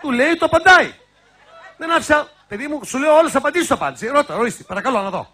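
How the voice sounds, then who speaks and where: A man's voice: very high voice, lively intonation, pushed and bright. A man hosting a satirical show, giving sarcastic, teasing comic commentary.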